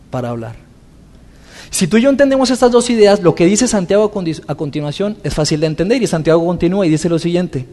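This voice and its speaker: A man's voice: high voice, a little mellow. A man in his thirties giving a sermon as a pastor, telling personal stories and asking rhetorical questions in a conversational way. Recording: long hall reverb.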